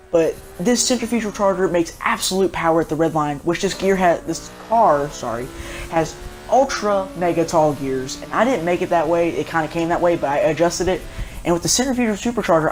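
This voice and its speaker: A young man, chatting casually and jokily as he reviews a racing game car for his viewers. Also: on the high side. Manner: rambling, jokey, chatty, talks straight to viewers. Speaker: gaming video host.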